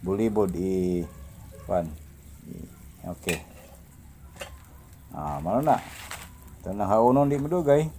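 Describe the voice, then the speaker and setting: A man's voice: lowish voice, slow pace, pauses often, mellow, slight background noise. A man giving a casual cooking demonstration in his kitchen, chatting and laughing as he films with a phone in one hand. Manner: chatty, laughs often, talks while working. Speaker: cooking vlogger. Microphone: phone camera held in one hand.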